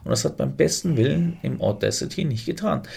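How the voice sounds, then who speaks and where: A man's voice: a little high, animated, a little fast, vocal fry, darkish tone, a little hiss or hum. A man co-hosting a casual podcast chat, rambling and correcting himself as he explains technical details. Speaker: podcast co-host.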